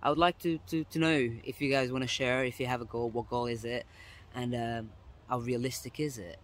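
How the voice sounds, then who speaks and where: A man's voice: mid-range voice, steady tone, fairly quick, fairly bright tone, a little hiss or hum. Young man vlogging on a woodland walk. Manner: chatty, explains step by step, often restarts sentences. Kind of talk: casual vlog talk to camera. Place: woodland path, outdoors. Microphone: phone camera at arm's length.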